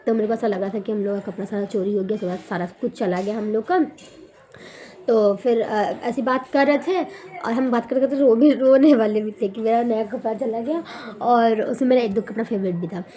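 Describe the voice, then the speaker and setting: A young woman vlogger telling a long story in a casual, animated way, correcting herself as she goes. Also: a little high, moderate pace, slight background noise. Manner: animated, rambling retelling with self-corrections.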